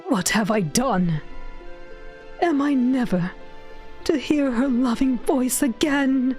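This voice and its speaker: A woman's voice: high voice, slow, a little mellow, soft background music, pitched above the performer's own voice. A woman voicing a pompous, domineering old king and father in a stage play, with archaic, theatrical speech. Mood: grieving.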